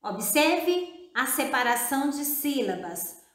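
A woman teacher giving a video lesson to children, speaking in a slow, drawn-out, encouraging way and repeating words syllable by syllable. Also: high-pitched, very animated, fairly bright tone. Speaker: primary school teacher. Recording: echoey room.

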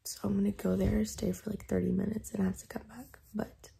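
A young woman vlogging in a soft whisper because she has lost her voice, chatty and full of "like". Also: mid-range voice, little pitch movement, brisk, creaky. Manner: chatty, many "like" fillers. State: whispering, voice mostly gone. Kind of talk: casual vlog chat. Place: home, then car and outdoor field. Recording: loud background noise.

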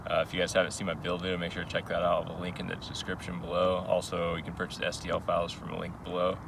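A young man with a deep, fairly monotone voice talks casually to the camera, peppering his speech with relaxed uhs. He stands on an open airfield, and steady outdoor noise runs clearly behind him. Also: very fast. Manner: relaxed, many filler uhs. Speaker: RC hobby channel host. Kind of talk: casual on-camera vlog talk.

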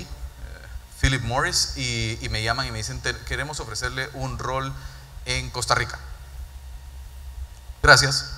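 A man's voice: medium pitch, pushed and bright. A Guatemalan man in his thirties gives an earnest conference keynote on a large stage, speaking into a handheld mic and often repeating words as he builds his points. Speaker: corporate speaker. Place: large dark event stage. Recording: reverberant stage hall.

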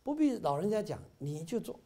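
A middle-aged man gives an informal Buddhist talk to fellow volunteers in a bookstore meeting hall. His high-pitched, sing-song voice has a dark tone and moves fairly quickly, filled with "ah" fillers and climbing to emphatic peaks.

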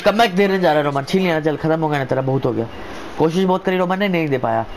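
A man with a slightly high voice commentates a wrestling video game in an excited, casual way. He talks like an informal wrestling commentator calling the action move by move, often repeating short phrases. There is faint noise behind his voice. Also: fast.

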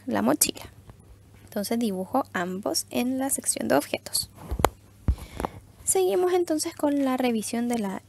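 A young woman teaching English to first graders, saying model English phrases slowly and with emphasis. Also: on the high side, gravelly, darkish tone. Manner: slow, exaggerated English model phrases between Spanish explanations. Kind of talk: recorded lesson for first graders.

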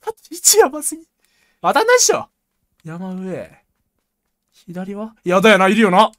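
A woman streamer talking to herself through a tense match in rough, slangy, excitable speech. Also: mid-range voice, moderate pace, no echo, studio quality. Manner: jumpy, excitable self-talk, rough slangy speech, frequent laughs. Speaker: game streamer. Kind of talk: live gameplay commentary.

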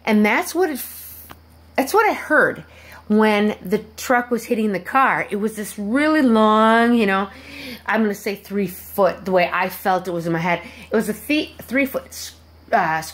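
A woman telling a personal story to her viewers in a halting, rambling way, with many restarts and asides. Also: medium pitch. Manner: animated when acting out quoted people. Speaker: vlogger.

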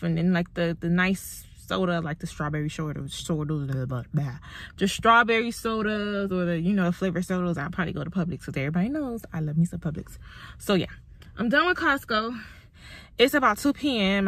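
A woman's voice: mid-range voice, a bit bright, no room sound. A woman, chatting casually in a rambling vlog with lots of fillers. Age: 20s. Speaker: vlogger. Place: on the go, outdoors and in a car.

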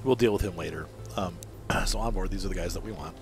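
Low-voiced male gameplay reviewer, casual and meandering, corrects himself often, home desk mic. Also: fast talker, music in the background. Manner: rambling, self-correcting, often apologizing. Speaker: game reviewer.

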